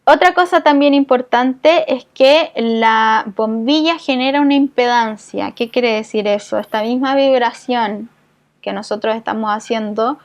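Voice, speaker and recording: A middle-aged woman, teaching a voice-care lesson to a community group. Her voice sits high, and she explains step by step, checking in with her students after almost every point. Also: measured pace. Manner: patient, explanatory, frequent check-ins with the class. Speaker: voice therapy instructor.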